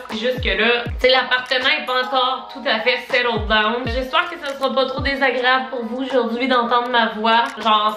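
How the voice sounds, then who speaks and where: A young woman with a Québécois French accent and a high-leaning, sharp voice vlogs casually and expressively for her YouTube viewers, swearing freely. She's indoors in a home office, recorded on a distant mic with roomy echo and background music.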